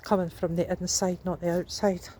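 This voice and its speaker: A Scottish vlogger giving an unhurried, casual commentary while looking around outdoors, musing aloud. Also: mid-range voice, little pitch movement, warm tone. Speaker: vlogger giving a cemetery tour. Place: outdoors in a cemetery. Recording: windy, noisy outdoor handheld recording.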